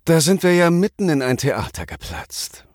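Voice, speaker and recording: Brief: male reader as a mocking stranger woman in a storybook, sardonic, higher voice. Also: sing-song, normal speed, darkish tone, no echo, studio quality.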